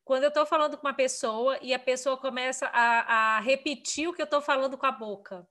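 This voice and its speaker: A woman's voice: sits high, fairly quick. A middle-aged woman, chatting casually on a podcast and retelling moments with her daughter. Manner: expressive, quotes her daughter in stories. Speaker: podcast co-host. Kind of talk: casual chat among friends.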